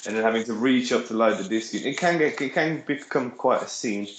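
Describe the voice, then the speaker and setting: A man's voice: medium pitch, a little fast. A man with a Birmingham accent, co-hosting a podcast in rambling, sweary casual chat. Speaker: podcast co-host. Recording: echoey room with faint noise.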